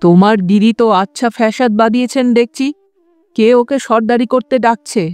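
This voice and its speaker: A woman's voice: fairly high pitch, fairly even intonation, brisk, darkish tone, smooth, dry recording, studio quality, close to an everyday voice. A woman voicing a sardonic young married man in an audiobook, cool and mocking. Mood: dry mocking. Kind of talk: audiobook character voice.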